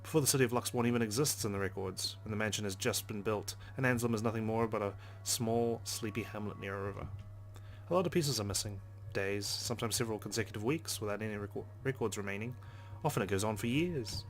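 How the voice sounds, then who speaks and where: This let's play host talks fast, his fairly low voice giving a visual novel's narration a dramatic reading. Now and then he slips in a quick casual aside while the game's background music runs.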